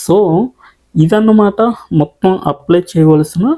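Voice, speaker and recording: A channel host walking viewers step by step through an online job application, reading each English question slowly and then explaining it patiently. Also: medium pitch, warm tone. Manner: patient, repetitive explaining, listing options one by one.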